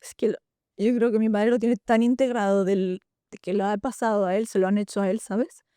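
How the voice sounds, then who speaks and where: Young woman, halting, confiding, dry close sound. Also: mid-range voice, fairly even intonation, dark tone, clean tone, dry recording. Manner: halting and confiding, many restarts and "¿sabes?". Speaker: podcast host. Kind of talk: personal storytelling in a podcast conversation.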